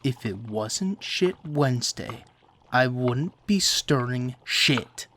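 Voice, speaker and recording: A man's voice: medium pitch, animated, slow pace, a bit bright, slight background noise. A man voicing a lazy, crude cartoon chef who whines and argues back. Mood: grumbling. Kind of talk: cartoon voice acting.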